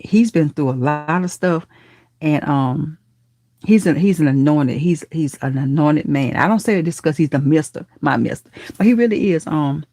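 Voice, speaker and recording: Woman host, live chat, fairly low pitch, dry sound, affectionate, churchy. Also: moderate pace, dry recording. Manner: warm affectionate auntie talk, calls viewers baby and honey; churchy, speaks of God and blessings. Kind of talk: casual live chat reading comments.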